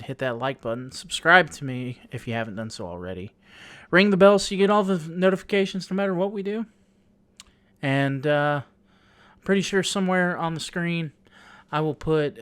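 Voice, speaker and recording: A man telling a story on his vlog, halting and amused, laughing at himself as he goes. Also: medium pitch, a bit bright, clear, resonant tone, dry recording. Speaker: YouTuber.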